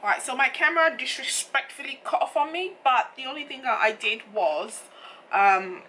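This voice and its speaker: A woman with a slightly croaky, froggy voice, chatting casually and informally as she explains a makeup tutorial step by step. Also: medium pitch, pushed and bright, a little hiss or hum. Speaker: makeup vlogger.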